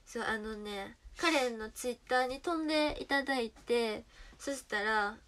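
A woman's voice: on the high side, a little slow, a bit bright. A young woman with a Kansai accent chatting casually with viewers on a livestream, playful and direct. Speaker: idol livestreamer.

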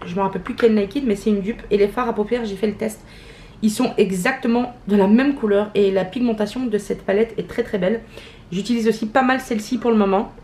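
A woman's voice: a little high, a little mellow. A young woman, chatting casually to camera at home in a vlog, with lots of fillers and self-mocking laughs. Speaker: vlogger. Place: at home, indoors. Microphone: camera mic, handheld and held by partner.

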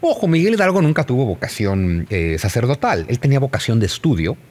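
Lively Mexican man explaining history. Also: medium pitch, brisk. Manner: animated, rhetorical questions to the listener.

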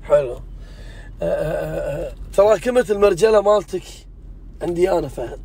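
A man's voice: on the high side, brisk, creaky, a little mellow, husky. A man, chatting earnestly and insistently with a friend inside a car. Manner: earnest and insistent, swears he means it. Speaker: vlog host. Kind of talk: casual chat.

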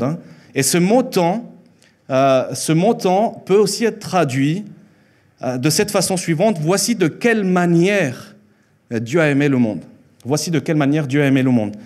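In a church hall, an earnest sermon comes from a man in his thirties, born in Mexico with Spanish as his first language, using a handheld mic. His voice is on the high side with a darkish tone. He slows down on key lines and repeats phrases for emphasis.

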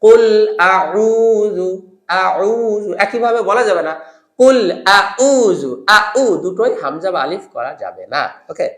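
A man's voice: high voice, expressive, fairly bright tone. Bengali man teaching Quran pronunciation, echoey. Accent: Bangladeshi Bengali. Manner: explains patiently, demonstrates sounds by repeating them slowly. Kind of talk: instructional lesson on Arabic letter pronunciation.

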